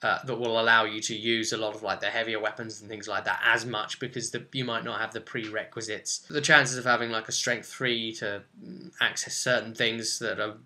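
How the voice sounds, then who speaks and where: Speaking briskly with a lowish, bright, forceful voice and little pitch movement, a twenty-something man walks viewers through tabletop roleplaying in a casual tutorial. He addresses the camera from a small, furnished room indoors at home.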